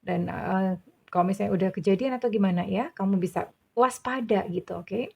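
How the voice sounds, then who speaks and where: A woman's voice: mid-range voice, fairly quick, vocal fry, a little mellow, breathy edge. A middle-aged woman, reading tarot cards in a casual, chatty way, teasing and laughing as she talks. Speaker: tarot reader.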